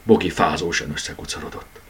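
Brief: a male reader of children's bedtime tales, deep and very breathy. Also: steady tone, fairly bright tone. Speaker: storyteller. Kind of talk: bedtime story reading.

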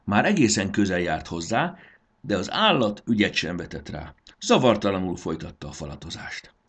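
A man narrating a children's story in an expressive, animated reading. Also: deep voice, husky.

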